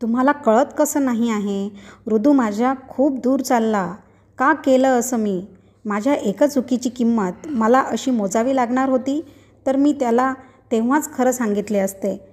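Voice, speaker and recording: A woman's voice: fairly high pitch, unhurried, a little mellow. A woman reading a story aloud, voicing a distraught young woman who pleads and talks desperately. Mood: pleading.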